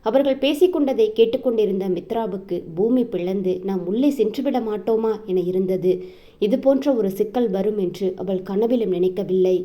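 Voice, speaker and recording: A woman narrating a romance novel as scripted storytelling, in a steady manner. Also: medium pitch, normal speed.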